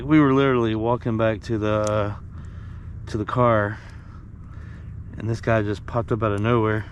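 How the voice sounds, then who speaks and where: Male outdoor vlog host, folksy and unhurried, mid-range voice, some outdoor noise behind. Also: mid-range voice. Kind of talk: casual vlog narration. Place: outdoors, by water and at home. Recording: outdoor noise, water sounds.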